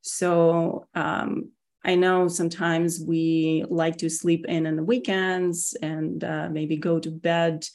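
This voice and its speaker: A Russian woman in her forties, a security executive appearing as an interview guest, talks casually with a Russian accent. Her deep voice comes across relaxed but hesitant, full of pauses.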